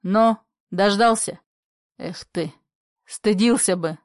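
A woman reading a young son, curt and irritated, with short clipped lines. The voice is dry and slow. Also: medium pitch, no echo, close to an everyday voice. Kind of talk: play reading.

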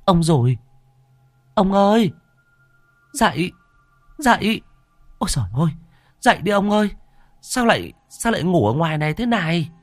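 A man voicing an elderly village wife who frets and scolds her husband in a high, shrill voice. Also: animated, dry recording, faint music behind. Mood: worried scolding. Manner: shrill, nagging, rapid scolding.

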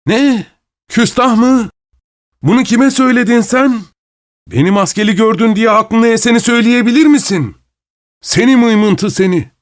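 A man voicing a drunk, brash masked man who bullies and mocks everyone, in a hoarse, booming voice. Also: expressive, unhurried, pauses often, dry recording, studio quality. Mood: bullying. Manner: loud, taunting, jeering.

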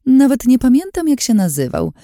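A high, lilting villainess, put on by a woman reading an audiobook, taunting her captives with sweet menace. Her tone is dark and mellow despite the raised pitch, and the recording is close and dry. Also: sing-song, moderate pace, no echo. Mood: mocking. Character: scheming cruel woman, mocking and gleeful.

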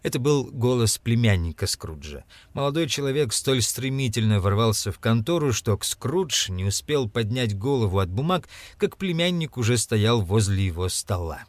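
A man narrating an audiobook with expressive storytelling. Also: medium pitch, normal speed, few pauses, dry recording.

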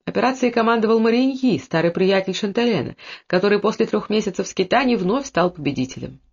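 A narrator reading a historical novel aloud in measured, scripted narration. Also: medium pitch, lively intonation, breathy edge. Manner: measured storytelling. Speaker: audiobook narrator. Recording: dull lo-fi audiobook recording.

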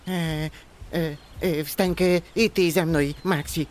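Reader doing a cautious, measured male elf who hesitates with "eh", storybook audiobook. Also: mid-range voice, steady tone, darkish tone, lightly acted. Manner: measured, hesitant, refers to himself by name. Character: wise but timid male elf, afraid of spiders. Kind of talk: audiobook character voice.

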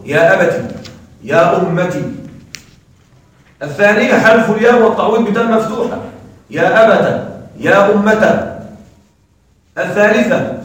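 High-voiced male teacher in echoey room. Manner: quizzes students with quick questions. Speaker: Arabic grammar teacher. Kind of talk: classroom lecture. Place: classroom. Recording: very echoey room, mic far off.

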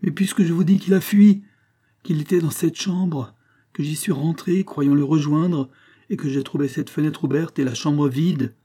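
A distraught noblewoman who pleads with raised, rising outbursts, as a man reading the story puts her on. Her voice sits higher than the reader's own but keeps its husky, mellow grain, like a mother frantic over a lost son in an old novel read aloud. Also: fairly even intonation, normal speed. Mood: anguished. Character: anguished noblewoman, grieving young mother.

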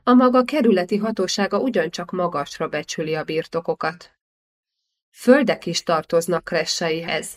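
A bold young man in an audiobook, scolding with cutting, righteous indignation, as a woman reader voices him. The voice sits a little low and carries steady, clear force. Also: lightly acted. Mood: indignant.

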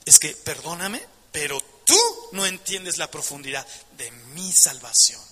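A man's voice: on the high side, unhurried, pushed and bright, husky, big-room sound. A man preaching a passionate sermon, emphatic, asking the audience rhetorical questions.

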